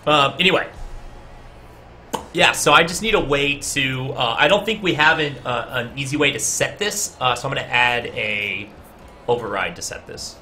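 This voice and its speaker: A man live-streams his game programming, thinking aloud as he codes and chatting with viewers in chat between explanations. He guesses and reasons out loud with frequent "uh"s, in a mid-range voice at normal speed, with a little hiss or hum behind him.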